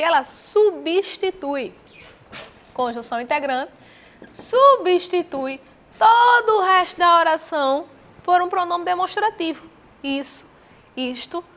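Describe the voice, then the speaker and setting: A woman with a Brazilian accent teaching Portuguese, walking through exam answers with rhetorical questions and slow repetition of terms. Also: high voice, fairly bright tone. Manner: didactic, asks the viewer rhetorical questions; spells out terms slowly and repeats them.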